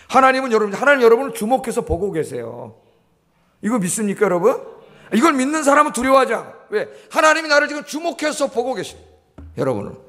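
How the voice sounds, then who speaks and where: A man's voice: high voice, vocal fry, fairly bright tone. A male pastor preaching a sermon, emphatic, repeating key phrases and asking the congregation questions. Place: church sanctuary. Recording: long church hall reverb.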